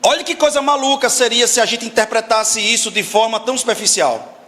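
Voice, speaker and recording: A man's voice: very high voice, fairly quick, bright, forceful tone, long reverb tail. A man preaching a sermon as pastor, emphatic and constantly asking the congregation questions.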